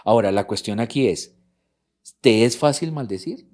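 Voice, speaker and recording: A man's voice: mid-range voice, lively intonation, normal speed, a little mellow. A middle-aged man from a church couples ministry, teaching and repeating his key points. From Colombia. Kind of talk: church talk on marriage.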